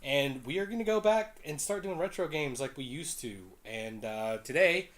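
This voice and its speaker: A man's voice: a little high, animated, normal speed, fairly bright tone. A man hosting a casual video game show, talking in a laid-back, teasing way with casual swearing. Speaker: host playing a video game. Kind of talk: casual gaming chat.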